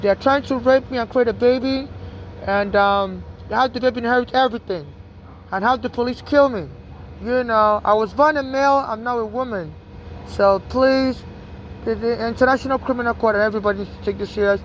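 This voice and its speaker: A woman from Nigeria whose accent mixes Nigerian and American talks urgently and a little fast, her voice on the high side. Her rambling street monologue is full of restarts and "you know," recorded lo-fi with a little hiss or hum.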